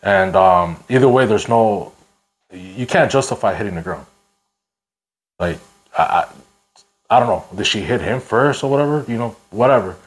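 A man's voice: fairly low pitch, animated, normal speed, long pauses, low-quality recording. A man chatting casually as a podcast host in slangy, swearing, bro-heavy street talk.

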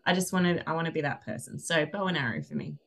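Lower-voiced woman, playful and rambling. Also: quick pace, vocal fry, a bit bright. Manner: playful, rambling, self-deprecating. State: mother. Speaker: author and podcast guest. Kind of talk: casual chat.

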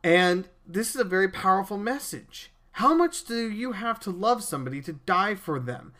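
Man, podcast host, earnest preachy monologue, stammering restarts, slightly high voice. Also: expressive, moderate pace, sharp tone.

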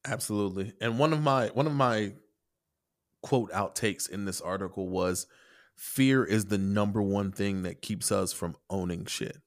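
Podcast co-host, man, lower register, loose and rambling with many restarts, casual cursing. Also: moderate pace. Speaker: podcast co-host and article writer.

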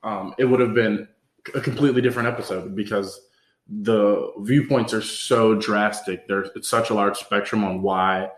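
A man hosting a casual podcast chat, relaxed and rambling with lots of fillers. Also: fairly low pitch, normal speed. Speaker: podcast host. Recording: roomy echo.

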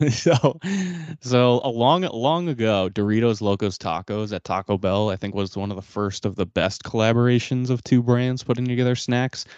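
A man's voice: medium pitch, steady tone, moderate pace, darkish tone, clear, resonant tone, no room sound. A man co-hosting a casual podcast chat, rambling and searching for words as he explains things. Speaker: podcast co-host. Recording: dull dry lo-fi sound.

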